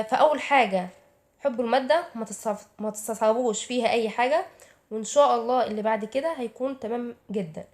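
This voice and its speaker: A woman's voice: fairly high pitch, a little mellow. A woman with an Egyptian Arabic accent giving casual study advice to her viewers, chatty and answering her own rhetorical questions. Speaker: YouTuber giving study tips.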